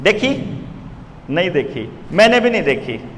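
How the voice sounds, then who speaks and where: A man in his forties delivering a fiery political speech to a small crowd, firing rhetorical questions and pushing his high-pitched voice up to shouts. His voice rings out with a long reverb trailing behind it. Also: very animated, measured pace, a little hiss or hum. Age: 40s. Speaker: political speaker. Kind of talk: public speech to a small gathering.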